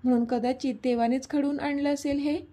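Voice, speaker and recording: A woman's voice: high-pitched, steady tone, a little fast, mellow, natural voice. Woman reading a playful young lover. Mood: soothing. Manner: teasing, easygoing. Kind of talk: storybook reading.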